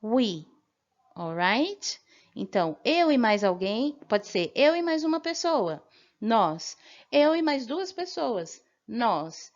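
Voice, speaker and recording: A Brazilian woman with a slightly high voice gives a beginner language lesson at an unhurried, deliberate pace. She explains patiently and keeps checking in with her listeners. The recording sounds a little dull and lo-fi. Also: very animated. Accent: Brazilian Portuguese. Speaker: English teacher.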